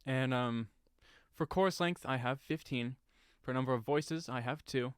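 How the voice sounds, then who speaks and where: Man explaining voice effects, clear dry voice. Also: medium pitch, moderate pace, no echo. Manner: explains settings plainly with frequent fillers and restarts. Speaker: voice effects tutorial maker. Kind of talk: casual step-by-step tutorial.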